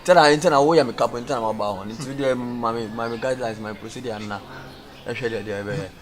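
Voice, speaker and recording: A man's voice: medium pitch, a little fast, crowd noise, close to an everyday voice. A man with a Ghanaian accent playing a boastful, eager young student in a film drama, often repeating himself. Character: boastful, eager young male student wanting into a campus gang. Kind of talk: dramatic film acting in Ghanaian Pidgin and Twi-mixed English. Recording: music behind film dialogue.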